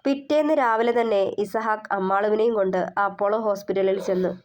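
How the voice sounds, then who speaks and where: A woman author narrating her own novel in a steady storytelling voice. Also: mid-range voice, a little fast.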